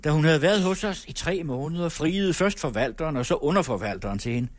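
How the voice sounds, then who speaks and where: A man reading a literary novel aloud in a measured storytelling manner. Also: a little high, lively intonation. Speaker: audiobook narrator.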